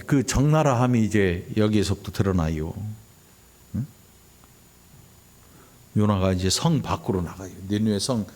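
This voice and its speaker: Middle-aged male pastor, conversational sermon delivery, checks in with the congregation, acts out quoted lines with big pitch jumps. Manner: conversational preaching, constantly asking the congregation "응?". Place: church sanctuary.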